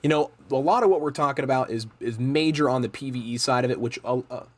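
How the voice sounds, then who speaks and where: A man's voice: mid-range voice, quick pace. A man hosting a casual interview, rambling and repeating words as he frames long questions. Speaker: interview host, streamer.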